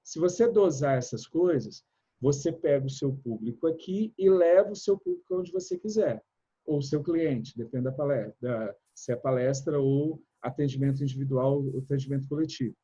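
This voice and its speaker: A man giving a live online chat talk about communication and speaking to audiences, energetic and shifting between fast and slow, loud and soft. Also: medium pitch, husky, muffled recording. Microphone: video call.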